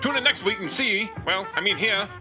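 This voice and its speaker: A man playing an excitable old-time radio serial announcer, hammy and teasing. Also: high-pitched, a little fast. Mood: excited teasing. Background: music.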